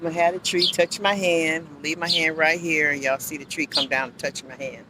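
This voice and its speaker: A woman's voice: low voice, steady tone, brisk. A woman who works as a life insurance agent, talking to her viewers in an upbeat, chatty vlog while she is out on a walking track. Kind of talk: casual outdoor vlog. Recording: outdoor traffic noise.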